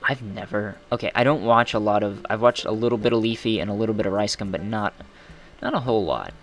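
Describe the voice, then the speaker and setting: A man's voice: on the low side, quick pace, soft background music. A young man streaming a game, reading chat aloud and rambling in self-deprecating asides. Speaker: gaming streamer.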